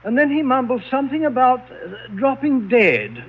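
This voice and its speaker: An actor in a 1940s radio sitcom, playing a timid male butler who talks haltingly, with many hesitations. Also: very high-pitched, very animated, breathy edge, full character voice. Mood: hesitant. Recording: thin, phone-like old radio recording with hiss.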